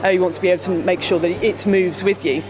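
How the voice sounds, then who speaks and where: This rough recording catches a woman in her thirties representing her company at a trade show, rattling off product explanations quickly and with lots of fillers and restarts. Her voice sits on the low side with fairly even intonation, captured on an interviewer's handheld mic over crowd chatter.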